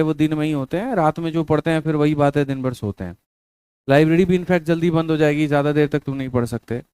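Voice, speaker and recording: A man's voice: a little high, darkish tone, smooth, no room sound. A man giving colloquial motivational study advice to exam students, repeating his points and calling them brother.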